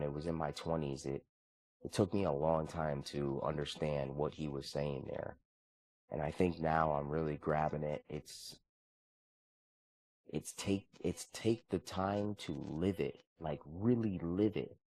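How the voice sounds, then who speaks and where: A bass-voiced vlogger in his thirties takes his time as he talks about his morning routine and his faith. The tone is casual and earnest, relaxed and conversational, with frequent restarts.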